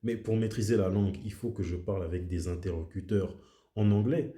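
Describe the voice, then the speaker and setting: A man's voice: lowish voice, a little fast, mellow, reverberant. A man speaking his native French in a casual, reflective monologue as a video host, often repeating himself for emphasis.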